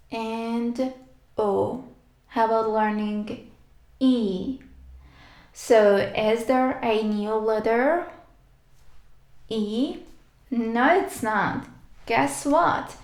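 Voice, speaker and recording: A woman teaching a language lesson, slowly repeating each word and letter for practice. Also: a little high, reverberant. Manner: patient, repeats words for practice. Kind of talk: slow step-by-step alphabet lesson.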